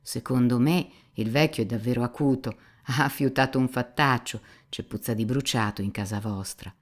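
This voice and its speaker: A woman's voice: rumbling low, moderate pace. A woman voicing a cynical, gossipy young male seminarian who mocks and insinuates, in an audiobook reading. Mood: mocking. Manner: mocking, insinuating, talkative.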